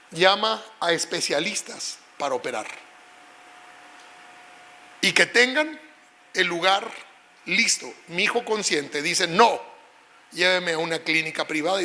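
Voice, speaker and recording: A middle-aged male pastor preaching an emotional sermon, telling a personal story and rising at times to shouts. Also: sits high, animated, a little slow, pauses often, slight background noise.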